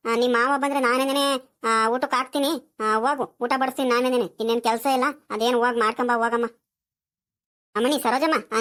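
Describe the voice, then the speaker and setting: A woman's voice: sits high, fairly bright tone. Woman voicing a chatty village grandmother. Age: older. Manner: chatty, coaxing, drawn-out fillers. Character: elderly village grandmother, kindly and talkative. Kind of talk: cartoon voice acting.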